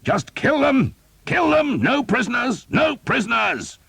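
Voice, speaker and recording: A man's voice: very high voice, sing-song, unhurried, vocal fry, a bit bright, slightly rough, dry recording, voice pushed up, heavily acted. A man voicing a furious, battle-hardened Earl who bellows war cries at his men. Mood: bellowing.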